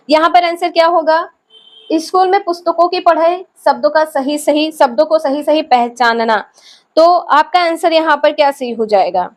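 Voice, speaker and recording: A woman teacher going through exam questions one option at a time, asking a question and then answering it herself. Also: high voice. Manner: explains each option, asks questions then answers them.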